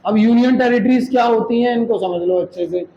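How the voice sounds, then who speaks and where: A man's voice: extremely high pitch, a little fast, creaky, warm tone, highs cut off, a little hiss or hum. A man teaching a classroom lecture, explaining step by step and checking with students through rhetorical questions, mixing Hindi with English terms.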